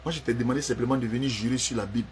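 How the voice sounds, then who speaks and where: A man's voice: mid-range voice, very fast, slight background noise. Man, ranting. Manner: heated, accusing, repeats himself for emphasis. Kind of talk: confrontational personal rant.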